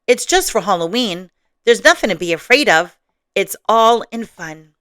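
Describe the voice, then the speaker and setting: A woman's voice: medium pitch, animated, normal speed, a bit bright, dry recording, clean studio sound, natural voice. A woman voicing a boisterous, prankish father bear in a storybook read-aloud, with a hammy, theatrical manner. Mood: reassuring.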